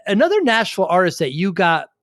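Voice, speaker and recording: A man hosting a podcast in casual chat, eager and quick with questions, laughing often. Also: high-pitched, sing-song, fairly bright tone, no echo, clean studio sound. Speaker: podcast host.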